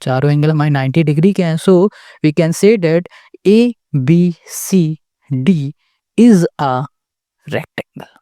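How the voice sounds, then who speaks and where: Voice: mid-range voice, slow, mellow, clear, resonant tone, no echo, clean studio sound. A maths tutor giving a step-by-step lesson. The tutor keeps asking the class rhetorical questions and checks in with "okay?" after each step, patiently restating points.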